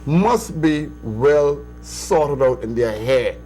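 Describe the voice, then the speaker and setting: An older Bahamian man in his sixties talks as a guest in an interview. His voice sits at an ordinary pitch. He stresses his points with insistent force, often restarting and leaping upward when he argues. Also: animated, takes it slowly, mellow, soft background music, low-quality recording. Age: 60s. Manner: emphatic, insistent, with many restarts and sudden rises. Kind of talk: conversational interview.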